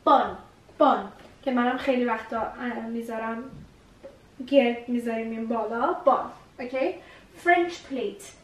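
A woman's voice: on the high side, steady tone, far from the mic. A woman teaching English vocabulary, repeating each new word several times as she explains it. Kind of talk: vocabulary lesson. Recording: echoey room, voice a bit off-mic.

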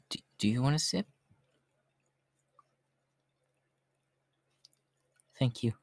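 Whispered role-play: male actor as a homeless young cat-boy, shy and hopeful, mid-pitched, polite, hesitant, very dry sound. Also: gravelly, breathy edge, dry recording. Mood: shy, grateful. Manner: hesitant, halting, softly polite.

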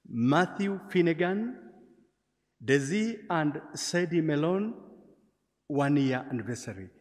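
A man, a priest leading Mass in a measured, gentle way, his voice ringing with cathedral-like church echo. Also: a little high. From Tanzania. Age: 40s. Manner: gentle, measured liturgical delivery with light humor. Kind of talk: celebrating Mass. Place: large church. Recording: long church hall reverb.

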